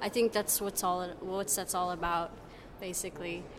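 A woman's voice: lowish voice, little pitch movement, moderate pace, background noise. A young woman from Canada answering interview questions in a hesitant, casual way, full of ums and uhs. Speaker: festival visitor interviewed. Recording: crowd chatter at a festival.

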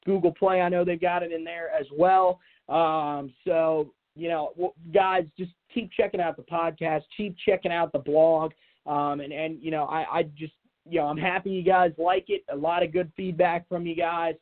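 Over tinny, phone-like audio, a solo sports podcast host speaks casually and without preparation, rambling and repeating fillers such as "you know". His voice is on the high side with little pitch movement and a moderate pace.

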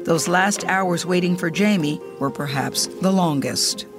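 A woman narrating a news feature in a measured, serious way. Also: on the low side. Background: music bed.

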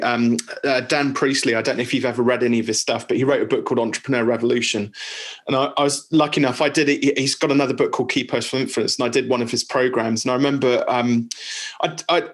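A man hosting an interview and chatting with his guest. He wanders through his thoughts with restarts and asides. His pitch sits in a middling range for a man. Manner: meandering, chatty, full of restarts. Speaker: podcast host. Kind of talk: casual interview chat.

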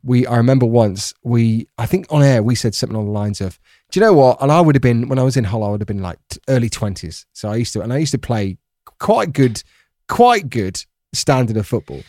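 A chatty British man in his thirties co-hosts a casual podcast. He rambles through anecdotes and likes to tease. His voice sits at a middle pitch, recorded dry and close. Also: animated, fairly quick, a little mellow, no echo. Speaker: podcast co-host, former radio presenter. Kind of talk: casual chat, telling anecdotes.

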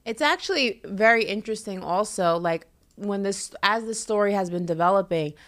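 A woman's voice: mid-range voice, moderate pace, fairly bright tone. A woman in her thirties hosting a podcast, chatty and full of questions and fillers. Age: 30s. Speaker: podcast host. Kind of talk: casual chat.

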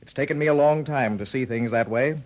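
An actor playing an earnest, formal, well-spoken gentleman on a sea adventure in an old-time radio serial. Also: mid-range voice, a little fast, natural voice. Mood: sincere. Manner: earnest, formal, free of sailor slang. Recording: dull lo-fi old radio recording.

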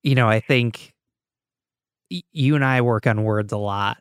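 A man's voice: mid-range voice, unhurried, clean tone, no echo, studio quality. A man hosting a podcast, asking questions in a casual, conversational way with plenty of fillers. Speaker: podcast host.

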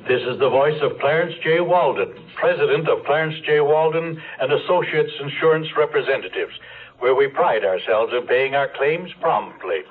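A man's voice: a little high, moderate pace, close to an everyday voice. An actor playing a pompous middle-aged male insurance boss reading a stiffly formal answering-machine message in a radio drama. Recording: tinny phone-line sound.

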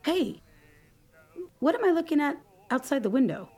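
An actress playing a sarcastic new waitress at a diner. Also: female voice, high-pitched, big pitch swings, normal speed, warm tone. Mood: wry. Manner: dry, sarcastic. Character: wry new waitress, young woman. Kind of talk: audio drama acting.

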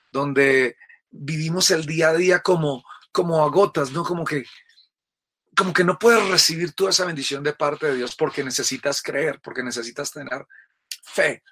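A man delivers an earnest sermon-style reflection and retells the story while speaking directly to the listener. His voice is bright and forceful and sits slightly high. He keeps an intimate, persuasive tone. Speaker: preacher.

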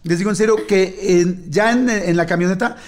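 Speaking at a normal pace in a high voice, a man with a Mexican Spanish accent hosts a podcast and shares a family anecdote casually. He acts out the different voices, complete with shouts and laughs.

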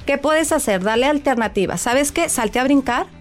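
A woman's voice: high voice, animated, normal speed, soft background music. A woman, a child psychologist, explaining parenting advice step by step in an interview. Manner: clear, agreeable, explains step by step.

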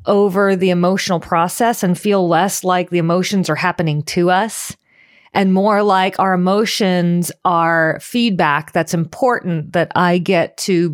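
Lady life coach chatting on a podcast, kinda low voice, earnest, dry close sound. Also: dry recording. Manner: earnest, animated, acts out quoted voices. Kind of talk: casual podcast chat.

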